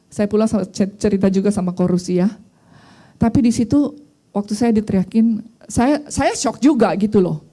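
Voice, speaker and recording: A woman's voice: medium pitch, mellow. A middle-aged woman pastor preaching a sermon in a conversational, storytelling way, mixing in English phrases.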